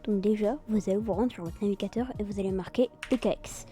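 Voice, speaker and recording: A woman with a very dark, soft-edged voice talks through a software tutorial. Her French accent takes on an English tinge on some words. She explains casually and hesitantly, improvising as she goes, over faint music. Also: mid-range voice, fast talker. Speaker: tutorial video host.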